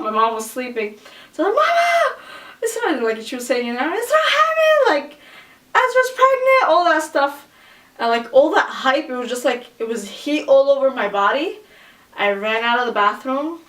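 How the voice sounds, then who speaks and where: A woman's voice: fairly bright tone, recorded from a distance. Chatty woman vlogger in an echoey room. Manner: chatty, uses many fillers, acts out quoted voices in high shrieks. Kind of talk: casual storytelling.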